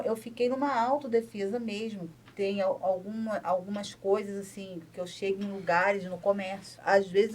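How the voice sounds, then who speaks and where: Chatty woman on a podcast telling a long story, kinda far from the mic. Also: mid-range voice. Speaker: podcast guest. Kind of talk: casual podcast chat.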